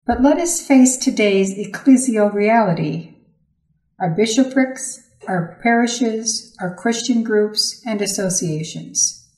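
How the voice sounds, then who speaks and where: A woman reading a Gospel passage and its commentary aloud in a measured, solemn way. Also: mid-range voice, darkish tone. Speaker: scripture reader. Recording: roomy echo.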